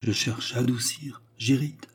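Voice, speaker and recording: A man's voice: medium pitch, fairly even intonation, a little slow, husky, pitched above the performer's own voice. A man voicing a grave, sad and loyal nobleman in an audiobook reading of a novel, speaking earnestly and solemnly. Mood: apologetic.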